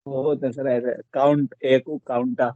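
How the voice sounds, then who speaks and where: A male student in an online class answers briefly and deferentially. His voice is mellow and dark, heard dry and dull through lo-fi call audio. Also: mid-range voice, flat delivery, a little slow, no room sound.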